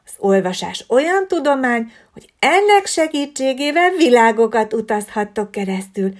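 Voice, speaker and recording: Kind owl schoolteacher from a storybook, patient and gently explaining, read by a woman. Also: on the high side, big pitch swings.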